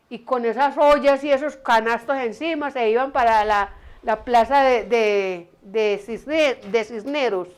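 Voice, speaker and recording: Storyteller: older woman, Antioquian accent, rambling and amused, smooth tone. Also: fairly high pitch. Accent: Antioquian Colombian Spanish. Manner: meandering, frequent restarts, amused. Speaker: storyteller recalling her mother. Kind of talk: casual oral storytelling.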